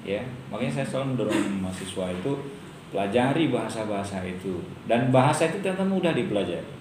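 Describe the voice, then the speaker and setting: A man's voice: lowish voice, expressive, fast talker. A middle-aged man giving a casual university lecture, joking often and asking rhetorical questions. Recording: roomy hall with faint background noise.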